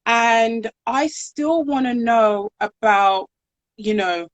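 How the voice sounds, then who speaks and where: Chatty, high-voiced woman host. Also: takes it slowly, no echo, highs cut off. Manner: chatty, animated storyteller. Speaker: podcast host. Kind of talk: casual interview chat.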